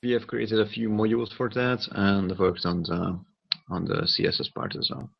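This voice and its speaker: A man's voice: lowish voice, normal speed, vocal fry, slightly rough. A man who is a web developer explaining matter-of-factly in a casual chat over dull lo-fi audio.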